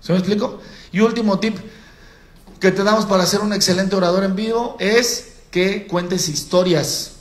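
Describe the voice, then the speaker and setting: High-voiced Mexican man coaching on stage. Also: normal speed. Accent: Mexican Spanish. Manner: colloquial, addresses audience as compadre, demonstrates by acting out. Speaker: sales trainer. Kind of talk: live public-speaking training. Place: event hall on stage. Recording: echoey event hall.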